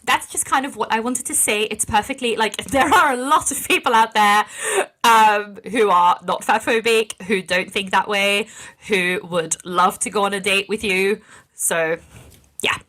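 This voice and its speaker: Bright-voiced chatty woman. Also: mid-range voice, measured pace. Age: 30s. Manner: chatty and earnest, laughs often. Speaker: podcast co-host. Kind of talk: casual podcast chat.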